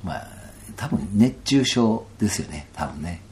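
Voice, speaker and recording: A lively man with a Kansai Japanese accent, a guest in a casual interview, tells a personal story at a measured pace. He's an animated storyteller who laughs often and drops into soft, low asides.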